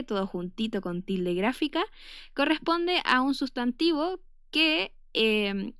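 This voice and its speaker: A woman's voice: on the high side, fairly bright tone, clean tone, no room sound, studio quality. A woman teacher with a Chilean Spanish accent giving a recorded spelling lesson, explaining step by step with frequent "eh" fillers and stressed example words.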